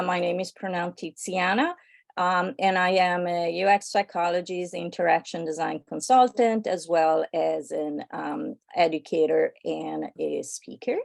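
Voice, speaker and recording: A woman's voice: on the low side, vocal fry, no room sound. A woman from Italy with an Italian accent, giving an enthusiastic online presentation over a video call and chatting her way through it with fillers. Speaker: guest speaker.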